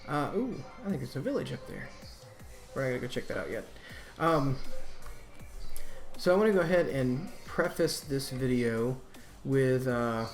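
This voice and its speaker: A man hosting a Let's Play, giving casual, rambling gameplay commentary in a laid-back way. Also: mid-range voice.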